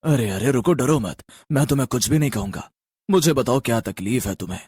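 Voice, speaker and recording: A man voicing a kind-hearted male ghost who soothes a crying child, gentle and fatherly, in an animated story. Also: medium pitch, a little fast, husky, no echo. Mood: soothing.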